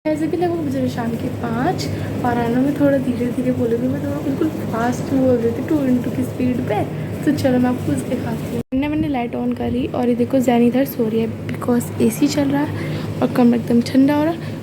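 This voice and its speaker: A woman's voice: high-pitched, steady tone, moderate pace, heavy background noise. Chatty young woman vlogging at home. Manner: chatty, rambling, apologetic. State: sore throat. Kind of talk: casual home vlog chat. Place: family home, indoors.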